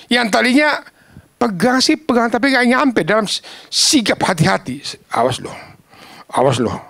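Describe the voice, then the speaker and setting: A man preaching a sermon, telling stories in a lively, casual, slangy way and acting out the voices of the people in them. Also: high-pitched, gravelly, dry recording. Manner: animated, acts out quoted voices.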